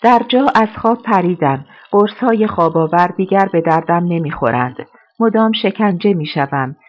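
Audiobook narrator, first-person novel, steady subdued reading, middle pitch, lo-fi audio.

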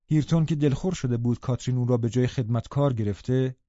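A man narrating a novel as an audiobook with expressive, measured reading. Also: mid-range voice, no echo, dull audio. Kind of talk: scripted storybook narration.

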